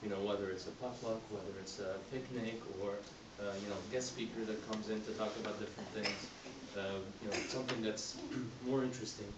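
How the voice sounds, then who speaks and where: A man from Egypt giving a candidate speech to a community group, talking in a halting way with many fillers and restarts. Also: on the low side, steady tone. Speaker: board candidate. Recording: roomy hall, mic at a distance, background noise.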